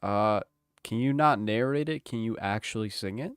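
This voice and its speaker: A man's voice: lowish voice, moderate pace, soft background music. A young man streaming, joking and pushing an AI chatbot, growing exasperated. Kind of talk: casual livestream chat.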